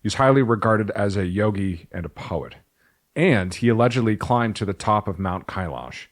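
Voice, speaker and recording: A man's voice: on the low side, animated, moderate pace. A man co-hosting a podcast, reading from his notes in a casual, jokey way and breaking off for asides. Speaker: podcast co-host.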